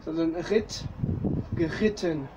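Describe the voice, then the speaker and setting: A man's voice: on the high side, slow pace, lo-fi sound, background noise. A man with a French accent giving a casual, jokey language lesson, full of fillers and self-corrections. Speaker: German teacher.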